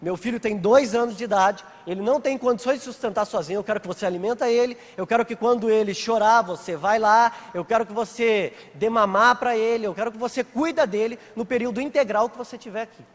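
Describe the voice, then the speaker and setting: A man's voice: high-pitched, fast, few pauses. A mom laying down the rules for the nanny, firm, a guy preaching it, echoey church. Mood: instructing. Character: caring mother giving firm orders to a babysitter.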